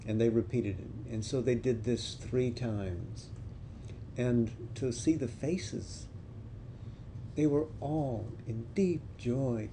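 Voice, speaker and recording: A man telling a devotional story in a slow, deliberate, reflective way. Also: mid-range voice, gravelly, warm tone, a little hiss or hum.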